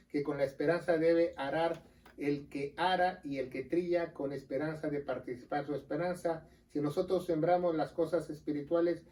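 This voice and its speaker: A man with a Mexican accent, a pastor, teaches scripture earnestly in relaxed conversation. His voice sits a little high but sounds mellow and dark in tone. He is recorded from a bit off the mic. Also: far from the mic, low-quality recording. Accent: Mexican Spanish. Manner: earnest, explains scripture, quick aside jokes. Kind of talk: casual teaching chat on a religious show.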